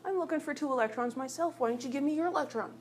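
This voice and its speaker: A woman's voice: high voice, racing, a little hiss or hum, pitched above the performer's own voice, lightly acted. A woman voicing a stubborn, grabby oxygen atom with a huffy, bossy manner in a classroom lesson.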